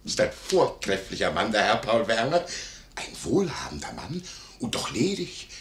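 A man's voice: on the low side, huge pitch swings, moderate pace, gravelly, slight background noise, exaggerated voice. An actor playing a fawning, nosy innkeeper in a classic radio play, wheedling and chuckling as he tells his tale. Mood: effusive. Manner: wheedling, chuckling, theatrical storytelling. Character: fawning nosy male innkeeper, curious and greedy. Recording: roomy studio echo.

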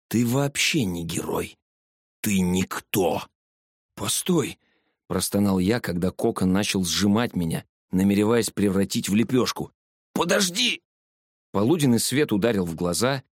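A man reading a first-person story as an audiobook narrator, measured and steady. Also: lowish voice, no echo, clean studio sound.

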